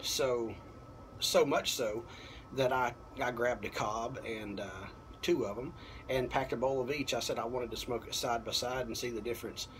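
Halting man reviewing casually, noisy outdoor recording. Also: mid-range voice, a bit bright. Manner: halting, unhurried, thinking aloud. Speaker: pipe tobacco reviewer. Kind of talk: casual product review to camera. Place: apartment balcony at night. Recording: clearly noisy, outdoor ambience.

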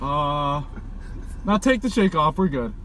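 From a camera on the passenger side comes a fairly bright, high-leaning voice: a young prankster ordering in a parked car at a drive-thru, with a little hiss or hum. His intonation is lively and he takes it slowly. He keeps stalling, hesitant, repetitive and vague, in a casual exchange.

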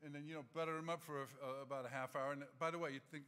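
A man in his sixties giving an animated, humorous acceptance speech from a podium microphone in a large auditorium. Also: fairly high pitch, very fast, clean tone. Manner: animated, gesturing, humorous anecdotes.

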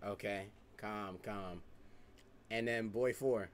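A man's voice: on the low side, fairly even intonation, takes it slowly. A young man hosting an online blind date game, talking loose and slangy into a headset. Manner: loose slangy talk, easygoing, organizing the call. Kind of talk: casual streamed chat on a group video call. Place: indoor room, streaming setup.

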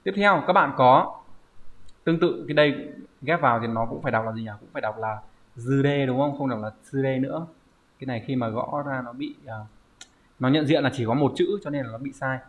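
A man's voice: mid-range voice, fairly quick. A man teaching a Japanese vocabulary lesson online, explaining step by step and often checking with "right?". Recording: dull lo-fi recording.

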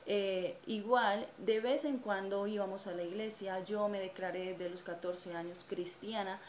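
A Colombian woman in her thirties speaks her religious testimony straight to camera, earnest and reflective, pausing often on hesitant fillers. She sits close to a phone or camera in a small room that rings with echo, a faint ambient hiss underneath. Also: medium pitch, darkish tone. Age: 30s. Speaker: channel host giving personal testimony. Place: small indoor room in front of a curtain. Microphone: camera or phone at close range.

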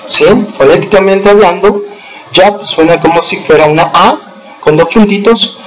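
Man, English teacher, fairly high voice, patient and slow, checks in often. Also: low-quality recording. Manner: patient, explains slowly with frequent "¿sí?" checks; slows down to spell out English example sentences. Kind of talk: recorded remote lesson over slides.

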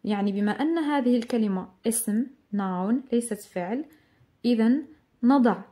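Woman, English teacher, fairly high and warm, patient, repeats words slowly. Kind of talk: exam review lesson.

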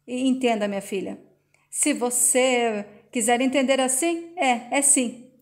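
A woman's voice: on the high side, measured pace, lightly acted. A woman voicing a distraught father who pleads and repeats himself, reading his lines in a retold soap scene. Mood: pleading. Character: distraught father refusing to give daughter away.

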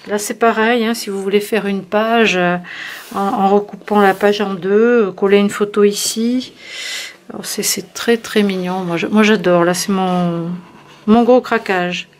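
A woman's voice: mid-range voice, steady tone, unhurried. A woman hosting a craft channel, chatting casually through a product review with many fillers and restarts. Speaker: scrapbooking channel host.

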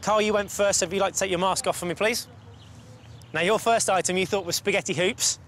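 A man's voice: high-pitched, fairly even intonation, brisk, fairly bright tone, a little hiss or hum. A man presenting a children's TV game show outdoors, coaxing and guiding the contestants step by step in an upbeat way. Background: background music.

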